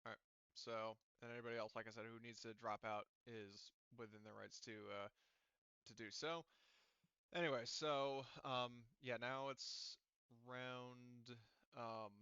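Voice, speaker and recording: A man running an online tabletop game as game master speaks haltingly, reasoning out loud about rules and dice totals. His medium-pitched voice is smooth with a sharp tone, and the recording is muffled with no room sound.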